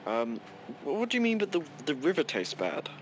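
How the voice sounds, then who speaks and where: A man playing a tabletop game, chatting casually in and out of character with an animated, exclamatory manner. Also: fairly high pitch, fairly quick, a little hiss or hum, poor audio.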